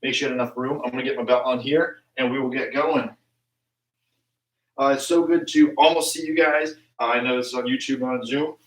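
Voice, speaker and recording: A man's voice: medium pitch, steady tone, fairly quick. A young man teaching a martial arts class over a live stream from his home basement, talking casually with lots of ums. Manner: casual, chatty, many ums. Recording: echoey room, far from the mic.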